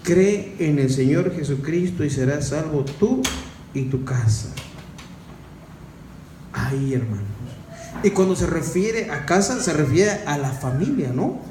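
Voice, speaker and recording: A preacher leads an informal Bible study in a high, expressive voice, often turning to his listeners with questions. He speaks unhurriedly and sits far from the mic, in a room with roomy echo and faint background noise.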